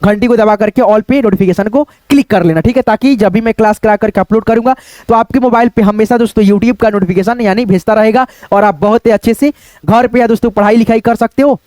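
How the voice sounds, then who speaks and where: High-voiced man teaching reading. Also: darkish tone, no room sound. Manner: chatty, repeats "दोस्तों" often, slows to spell out words. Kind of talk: online reading lesson.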